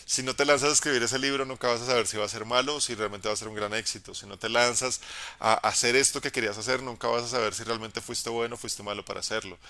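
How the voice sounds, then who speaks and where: A young man, a game master giving an encouraging, casual live talk about narrating, in a low tenor voice with frequent restarts. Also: steady tone, quick pace, sharp tone. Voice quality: lowish tenor voice. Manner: encouraging, conversational, many restarts. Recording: dry live stream audio.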